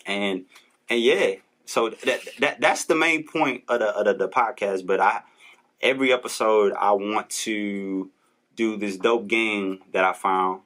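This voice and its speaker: A man's voice: lowish voice, a bit bright. A young man hosting a podcast, talking in an earnest, preachy way and restarting his words often. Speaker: podcast host. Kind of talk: casual motivational talk. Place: Los Angeles.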